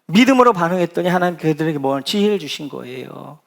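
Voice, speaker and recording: Middle-aged male pastor, slightly high voice, lively preaching, asks the congregation questions and answers them, leads group scripture reading. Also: fast talker, vocal fry. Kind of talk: sermon. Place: church sanctuary.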